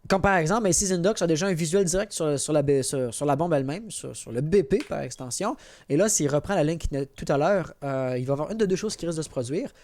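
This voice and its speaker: A young man casting an esports match with play-by-play commentary, excitable and rising sharply at big plays. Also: on the high side, fast. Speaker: esports caster.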